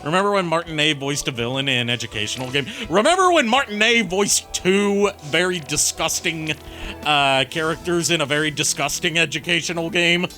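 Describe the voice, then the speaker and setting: A man's voice: on the high side, lively intonation, a little fast, bright, forceful tone. A man casually commentating on a live game stream in a crude, jokey, rambling way. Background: faint music.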